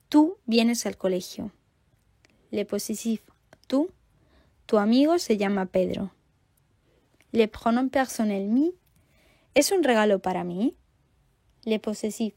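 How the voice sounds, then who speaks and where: Slow, careful woman reading examples. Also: a little high, mellow, dry recording, clean studio sound. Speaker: native-speaker assistant.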